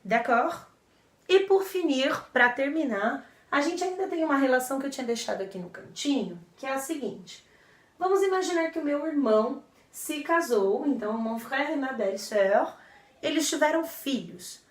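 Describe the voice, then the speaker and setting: A woman's voice: sits high, expressive, moderate pace. A woman explaining vocabulary to viewers as a teacher, patient and repeating terms with frequent checks for understanding. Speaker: French teacher. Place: indoor room in front of a board. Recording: roomy echo, a bit far from the mic.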